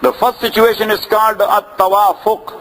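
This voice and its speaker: In this poor-quality clip with slight hiss or hum, a male teacher delivers an inheritance law lecture to students at a normal speed. He speaks in a high, level, fairly bright voice with a Pakistani accent, using English as a non-native language, and his first language is neither Arabic nor English. He keeps repeating phrases and making sure the class is following.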